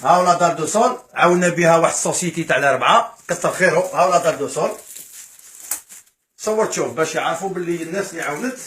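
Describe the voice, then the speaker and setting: Algerian man, quick and eager, high bright voice, on-camera commentary, echoey room with faint background noise. His delivery is excited as he thanks donors, filmed on a handheld phone. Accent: Algerian Arabic. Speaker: vlogger filming a charity visit. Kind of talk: casual to-camera talk.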